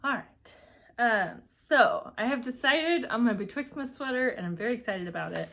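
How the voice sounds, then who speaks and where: A woman's voice: a little high, animated, normal speed, creaky, pushed and bright. A woman hosting her knitting podcast at home, chatting casually and rambling with lots of fillers and asides. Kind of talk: casual chat.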